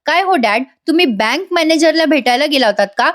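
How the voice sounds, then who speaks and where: A woman reading the lines of a defiant grown daughter who loudly confronts her father. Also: high voice, lively intonation, brisk, voice pushed up. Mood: confronting. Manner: loud and confronting.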